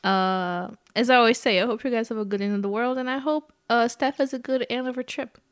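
A woman with a soft, soothing voice, hosting a podcast in casual chat and laughing often. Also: a little high, a little fast, clear, resonant tone. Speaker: podcast host.

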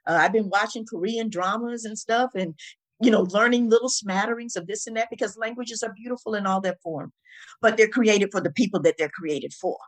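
A woman with a mid-range voice speaks fairly quickly as an interview guest. Her talk is conversational, spiritual and motivational, reflective yet emphatic, full of repetition and rhetorical questions.

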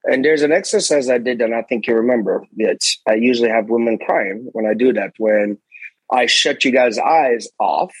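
A man's voice: medium pitch, normal speed, breathy edge, dry recording, poor audio. A middle-aged man, a martial arts instructor, telling stories as an interview guest in an intense, emphatic way and acting out his own commands. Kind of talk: animated storytelling in an interview.

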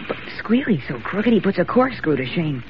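An actor playing a young wisecracking, doubtful sidekick in 1940s radio drama, slangy and boyish. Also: male voice, high voice, big pitch swings, normal speed, crowd noise. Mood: doubtful, nervy. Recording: dull, noisy 1940s radio recording.

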